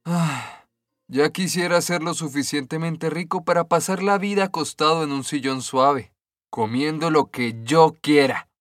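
A man's voice: fairly high pitch, unhurried, a bit bright, no echo, clean studio sound. Man playing a grumbly stonecutter who always wants more, sighing and pushy, storybook voice. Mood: wistful sighing. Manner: sighing, yearning, then demanding. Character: discontented poor stonecutter forever wishing for more.

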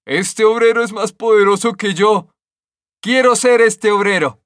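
A man's voice: fairly high pitch, a little slow, a bit bright, no room sound, studio quality. A man voicing a discontented, poor stonecutter who sighs and yearns for more in a storybook reading. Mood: demanding. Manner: sighing, yearning, then demanding.

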